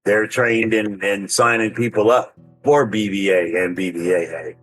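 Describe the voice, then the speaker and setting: A man with a fairly low voice explains how his group works, stumbling and repeating words as he searches for them. Faint music plays underneath the recording. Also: fairly even intonation, measured pace, a bit bright, poor audio. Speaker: guest, veteran ambassador. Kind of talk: interview answers.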